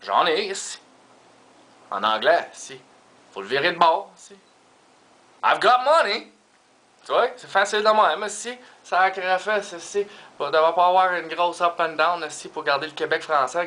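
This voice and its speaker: A man's voice: fairly high pitch, moderate pace, bright, forceful tone. A man with a Québécois French accent doing a rambling comic monologue, peppered with Quebec swear fillers and English words. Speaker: stand-up comedian.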